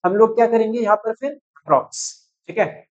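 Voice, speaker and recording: A man's voice: sits high, a little fast, muffled recording. Man teaching math step by step. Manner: steady explaining, checks in with students often. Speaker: chemistry teacher. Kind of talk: chalkboard-style math walkthrough.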